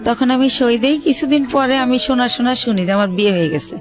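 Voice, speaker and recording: Speaking with a fairly high pitch over soft background music, a Bangladeshi woman recounts her life as a radio guest. She hesitates a lot, filling her speech with pauses and fillers.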